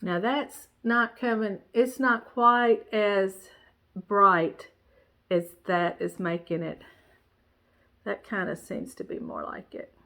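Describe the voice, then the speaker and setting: In a mid-range, fairly even voice that takes things slowly, a woman with a stuffy nose shows off her cross-stitch supplies in a casual chat. She sounds nasal and rambles warmly, with plenty of "um"s, fillers and restarts.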